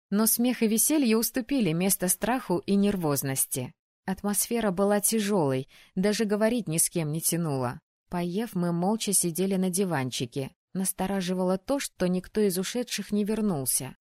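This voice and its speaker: A woman reading first-person narration of an audiobook in a lively, expressive storytelling manner, close to the mic. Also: medium pitch, moderate pace, dry recording.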